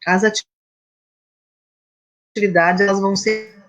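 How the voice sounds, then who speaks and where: A woman's voice: medium pitch, fairly even intonation, slow pace, a bit bright, faint music behind, rough recording. Woman's voice cutting out on a choppy video call. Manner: earnest, explanatory, restarts words. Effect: choppy, cutting-out video call audio. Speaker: resource room teacher. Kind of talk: speaking on an online panel. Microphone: computer or phone mic on a video call.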